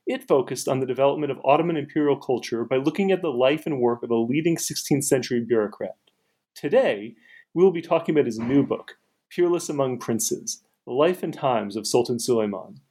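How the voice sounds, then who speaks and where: A man hosting a podcast, introducing his guest in a measured, formal way. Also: medium pitch, expressive, a little mellow, breathy edge. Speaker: podcast host and researcher.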